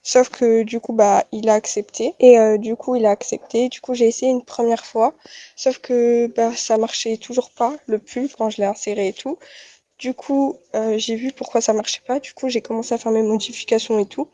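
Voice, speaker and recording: A woman's voice: on the high side, fairly even intonation, normal speed, warm tone. A young woman giving a casual, rambling testimony full of fillers. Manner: rambling, many fillers like "et tout" and "bref". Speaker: testimony giver.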